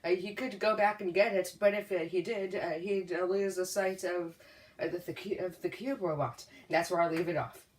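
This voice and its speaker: A woman co-hosting a casual storytelling game, hesitant and halting, with many uhs and restarts. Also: lowish voice, fairly even intonation, echoey room, recorded from a distance, a little hiss or hum. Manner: hesitant, full of uhs and restarts, laughs easily. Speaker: co-host.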